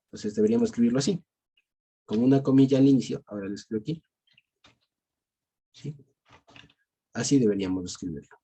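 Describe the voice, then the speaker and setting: A man's voice: medium pitch, fairly quick, pauses often, warm tone, husky. A man with an Ecuadorian Spanish accent teaching a small-group Bible class over a video call, explaining step by step and checking in with his listeners after each point.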